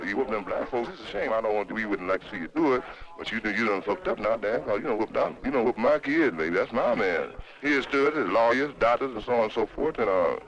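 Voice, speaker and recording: Fast-talking man, slangy and emphatic. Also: mid-range voice. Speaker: interviewee. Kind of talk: heated street talk. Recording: lo-fi 1960s film sound with crowd.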